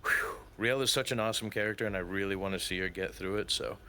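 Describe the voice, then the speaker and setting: A man organizing a roleplay, checking in with a player in a measured, friendly way. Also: low voice, sharp tone, a little hiss or hum. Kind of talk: out-of-character planning chat.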